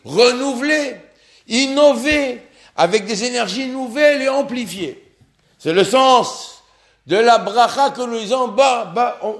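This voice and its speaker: A man with an unusually high-pitched voice delivers a religious lesson. He speaks earnestly, pressing hard on key words, and often breaks off to restart or repeat himself mid-thought. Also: a bit bright. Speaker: religious teacher.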